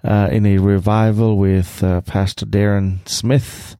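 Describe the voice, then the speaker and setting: A man's voice: lowish voice, little pitch movement, slow pace, mellow, clear, resonant tone, no echo, studio quality. A man co-hosting a podcast, talking casually about everyday life. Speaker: podcast co-host. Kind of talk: casual chat.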